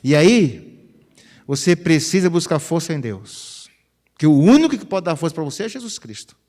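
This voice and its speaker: Lively São pastor in his fifties. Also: on the high side, moderate pace. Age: 50s. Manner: chatty, animated, peppers phrases with "né?". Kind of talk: conversational sermon. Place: church sanctuary. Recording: reverberant church hall.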